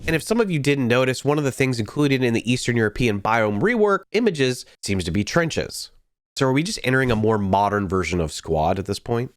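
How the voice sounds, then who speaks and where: A man's voice: mid-range voice, lively intonation, fairly quick, no room sound, studio quality. Nasal man with a head cold. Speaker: gaming video host. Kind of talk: scripted game update commentary.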